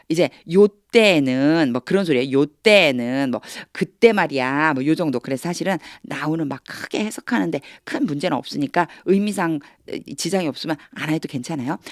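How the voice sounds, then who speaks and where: A woman's voice: sits low, dry recording, clean studio sound. A woman teaching English through Bible reading, explaining each phrase patiently and repeating words to drill pronunciation.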